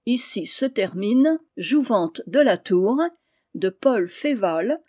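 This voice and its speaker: A woman reading a classic tale aloud as an audiobook narrator, in a measured, expressive storytelling manner. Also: mid-range voice. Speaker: audiobook reader.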